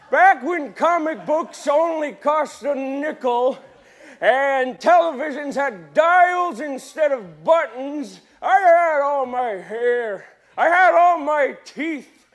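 A cranky old-timer griping about modern gadgets and lost respect, as a man puts him on. His voice sits very high and thin for a man, and he drawls along at a slow, dragging pace, rambling in folksy asides. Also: heavily acted. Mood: indignant. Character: grumpy nostalgic old man, complaining about modern times. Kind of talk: comic character monologue.

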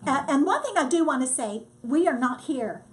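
Bright-voiced older woman telling stories. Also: high voice, moderate pace. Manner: lively storyteller, acts out quotes. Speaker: disaster relief volunteer. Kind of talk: casual testimony.

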